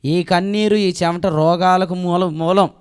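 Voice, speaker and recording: A male pastor preaching a sermon who keeps asking the congregation questions and swings between loud declarations and soft asides. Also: high voice, fairly even intonation, a little slow, clear, resonant tone. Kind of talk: Telugu sermon. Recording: long echo of a hall.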